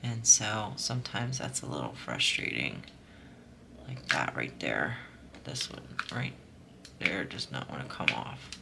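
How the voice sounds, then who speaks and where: A woman with a slightly hoarse, scratchy throat, chatting casually and softly while she works on a craft project. She rambles, with lots of fillers and restarts. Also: rumbling low, big pitch swings, unhurried. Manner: soft-spoken and rambling, with many fillers and restarts. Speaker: diamond painting vlogger.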